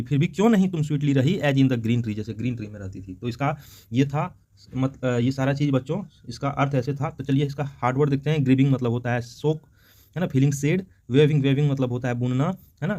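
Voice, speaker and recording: A male teacher with an Indian accent slowly reads out poem lines, then repeats and explains them to schoolchildren, often adding "है ना". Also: mid-range voice, warm tone, no room sound.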